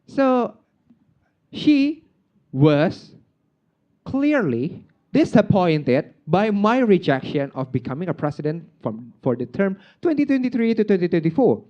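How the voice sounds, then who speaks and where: A lively, somewhat high-voiced Indonesian man, the outgoing president of a club, addresses a meeting from the stage. He keeps it informal, chatty and self-mocking, with plenty of "like," all on a dull, muffled lo-fi recording.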